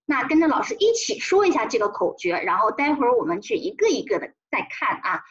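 A primary school teacher with a high-pitched, very animated voice and a breathy edge teaches children pinyin. She stretches out the tones in a sing-song way and has the class repeat after her. The recording is muffled.

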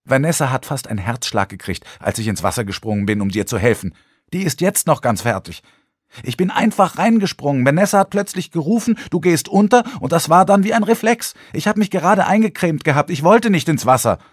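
A man reading an audiobook, voicing a blunt, sharp-tongued blind teenage girl in a raised higher voice. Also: lively intonation, fairly quick, husky, no echo, clean studio sound. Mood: angry outburst. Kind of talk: audiobook character voice.

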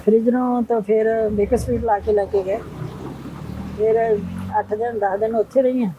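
A woman's voice: a little high, fairly even intonation, normal speed, lo-fi sound, noisy background. An older woman, telling her story plainly in an interview. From Punjab. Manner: plain storytelling, retelling others' words. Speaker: interview guest. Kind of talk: emotional interview.

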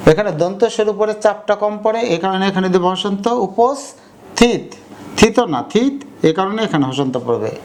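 A young Bangladeshi man with a high, expressive voice and a somewhat dark tone teaches grammar online. He walks through each point step by step and repeats the example words slowly.

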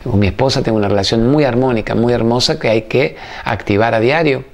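Middle-aged man, Argentine accent, TV host, motivational talk, gravelly voice, quick bursts then slow emphatic lines. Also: mid-range voice. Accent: Argentine Spanish. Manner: storytelling, fast bursts and slow emphatic phrases. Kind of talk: motivational talk to a studio audience.

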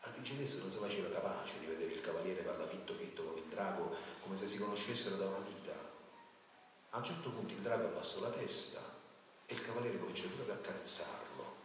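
A man's voice: low-pitched, fast, fairly bright tone, a little hiss or hum. A man reading a fairy tale aloud to an audience, in a dialect-flavored storytelling manner. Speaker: author. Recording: echoey hall, voice from far.

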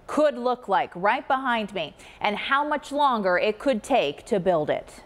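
A young woman reporting the news from a television studio in a crisp, measured broadcast delivery, on a lapel mic. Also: fairly high pitch, expressive, music in the background.

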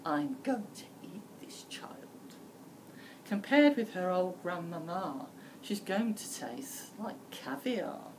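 A woman's voice: on the low side, sing-song, slow, darkish tone, whispered. Woman acting a sly, hungry storybook wolf, theatrical. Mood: sly, gloating. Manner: theatrical, wailing and leering. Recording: distant mic with faint room noise.

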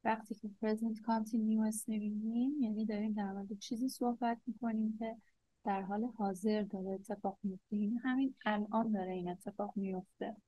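A woman teaching English grammar, saying each English example slowly and deliberately before explaining it. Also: mid-range voice, flat delivery, mellow, husky. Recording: dull lo-fi sound.

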